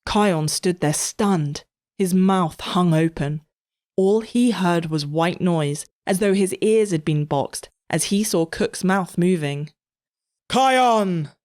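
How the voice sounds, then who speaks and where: A woman narrating a comic story in a lively storytelling manner. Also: lowish voice, takes it slowly.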